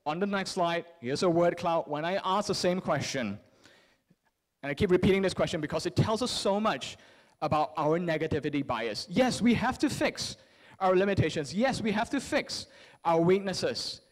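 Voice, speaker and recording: On stage at a lectern in a large convention hall, a man in his thirties delivers an earnest motivational keynote on psychology into a podium microphone. His voice is high and expressive, and he phrases things deliberately, leaning on repetition and rhetorical questions.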